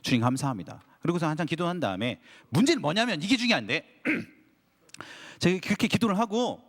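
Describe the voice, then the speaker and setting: A man, a pastor, preaching a sermon to a young adults' service, acting out his own prayers with animated storytelling and putting direct questions to the congregation. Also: sits high, moderate pace. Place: church sanctuary. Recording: long hall reverb.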